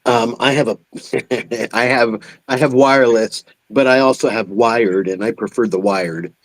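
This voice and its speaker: A man in his fifties joining a livestream as a guest over a video call, chatting in an easygoing way with quick laughs. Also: mid-range voice, steady tone, no room sound, poor audio. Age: 50s. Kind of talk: casual livestream chat.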